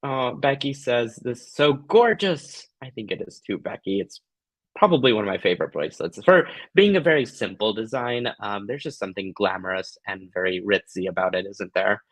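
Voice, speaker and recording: A man's voice: lowish voice, fairly quick, a bit bright, no room sound, low-quality recording. A man hosting a live craft tutorial, chatting casually to viewers in a gushing, affectionate, playful way. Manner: giggly, playful.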